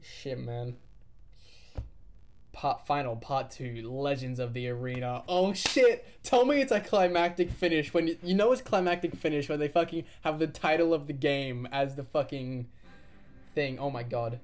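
A young man doing excitable, sweary commentary while playing a game. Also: a little high, moderate pace, slight background noise. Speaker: let's play gamer.

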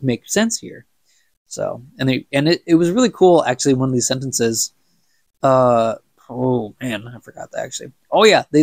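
A young man with a stuffy nose reads a book aloud for a podcast and chats about it casually, in a mid-range voice with no room sound. He stumbles over words and laughs at his own slips.

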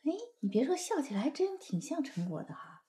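An actress playing a pushy older mother-in-law in a TV drama, fussy and drawn-out. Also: high-pitched, very animated, warm tone. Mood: fussing. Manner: fussy, bossy, drawn-out interjections. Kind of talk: TV drama acting.

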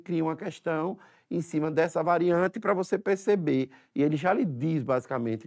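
A man with a Sergipe Brazilian Portuguese accent teaches an exam-prep language lesson, explaining step by step and often checking in with tag questions. His pitch is fairly high.

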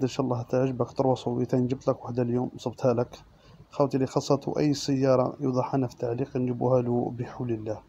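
A man with an Algerian Arabic accent reading out used-car listings and prices as the regular presenter, in a steady listing manner. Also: medium pitch, highs cut off, slight background noise. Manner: monotone listing of specs and prices.

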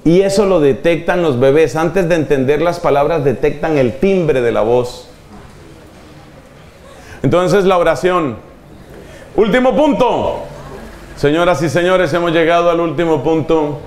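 Animated preacher, echoey hall. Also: male voice, unhurried, pauses often. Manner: animated, shifting pitch for emphasis and quoted children. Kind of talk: sermon to a live audience. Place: large hall at a church retreat.

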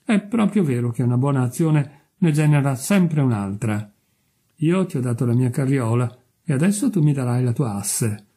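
A man's voice: mid-range voice, lively intonation, normal speed, dark tone, breathy edge. A man voicing a selfish miller who talks in a pompous, self-righteous way. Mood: smug.

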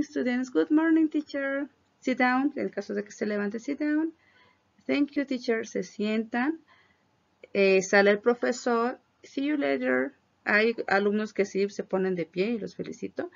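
A woman teaches English greetings and explains their pronunciation clearly, modeling each phrase slowly. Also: medium pitch. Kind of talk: classroom pronunciation lesson. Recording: dull lo-fi recording.

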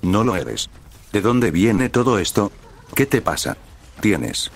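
A man voicing a distraught, anxious young woman in a story reading, delivered in a flat, even way. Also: lowish voice, slow, full character voice. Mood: furious.

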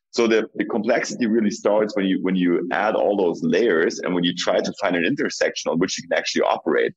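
A man who founded a startup, speaking on a panel in a measured way and thinking aloud with restarts. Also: low-pitched, slightly rough, no room sound, dull audio. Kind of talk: panel discussion.

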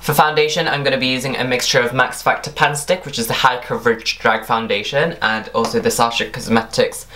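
A man's voice: mid-range voice, steady tone, a little fast, hardly any pauses, pushed and bright, a little hiss or hum. A young man narrating an instructional makeup tutorial as its presenter. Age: young adult.

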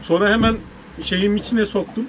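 A man's voice: high-pitched, steady tone, moderate pace. A man chatting casually with a friend, animatedly recounting a story. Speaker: friend of the host. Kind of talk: casual chat, telling a story. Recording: noisy outdoor background.

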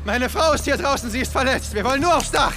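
An actor playing a protective husband in a dramatic video game, tough and desperate under pressure. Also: male voice, extremely high pitch, quick pace, loud music behind the voice. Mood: pleading, desperate.

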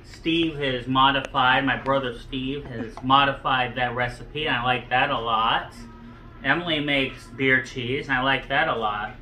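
A man's voice: medium pitch, steady tone, measured pace, bright, forceful tone, a little hiss or hum, low-quality recording. A man casually reviewing store-bought beer cheese with friends, enthusiastic and folksy. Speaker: food reviewer. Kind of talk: casual chat.

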